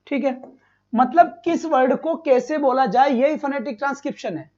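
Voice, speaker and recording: A man's voice: extremely high pitch, moderate pace, darkish tone, highs cut off, a little hiss or hum. A man teaching a live online exam-prep lesson, asking his students questions, repeating each one and fondly calling them "beta".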